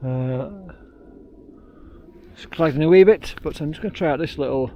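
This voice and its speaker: A British man vlogs casually to camera while out running on open moorland hills, wry and self-deprecating with dry understatement. His voice is fairly high in pitch with a dark tone, at a moderate pace.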